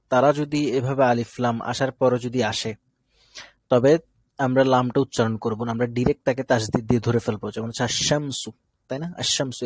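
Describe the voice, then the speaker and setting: A man's voice: medium pitch, slightly rough, no echo. A man from Bangladesh teaching an online Arabic class, explaining step by step and often checking that students follow. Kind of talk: live online class lecture.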